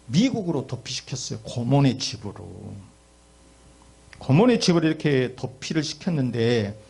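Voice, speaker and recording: Husky gravelly Korean preacher. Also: male voice, medium pitch, darkish tone. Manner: emphatic storytelling preacher, addresses the congregation directly. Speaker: pastor. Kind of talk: sermon.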